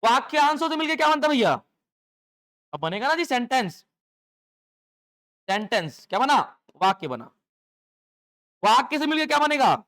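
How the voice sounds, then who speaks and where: A male teacher delivering a live lecture to a room of students, pausing often to quiz them and draw answers back in chorus. His delivery swings between raised, emphatic questions and quieter asides as he explains the basics step by step. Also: very high-pitched. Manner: call-and-response questioning, lively rhetorical checks. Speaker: English teacher for exam coaching. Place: classroom with students.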